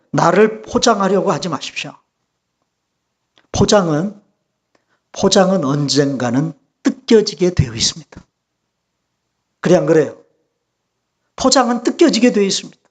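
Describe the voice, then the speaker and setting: A man, the church's pastor, preaching a sermon and putting rhetorical questions to the congregation in a lively, rising delivery. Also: high voice.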